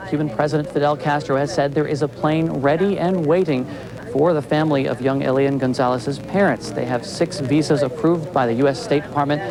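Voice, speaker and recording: This is a television field reporter, a man whose voice is a little high, filing a live news report outdoors on a city street. The audio quality is poor, with crowd and street noise in the background.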